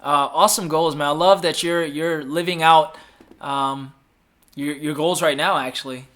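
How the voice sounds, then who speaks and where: In his thirties, this man hosts a casual live Q&A, reading out viewer comments in a chatty, upbeat way and often repeating himself. His voice sits on the high side, with a steady tone, normal speed and a slightly bright quality.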